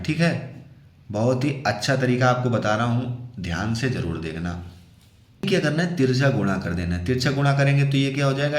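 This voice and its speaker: Man teaching maths in an echoey room. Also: medium pitch. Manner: explains patiently, asks and answers his own questions. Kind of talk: step-by-step maths lesson.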